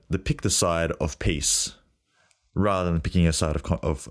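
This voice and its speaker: A young man hosting his own podcast, speaking reflectively with a husky voice while getting over a cold. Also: low-pitched. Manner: reflective, loose, frequent fillers and throat clearing. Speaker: podcast host. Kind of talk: solo podcast monologue.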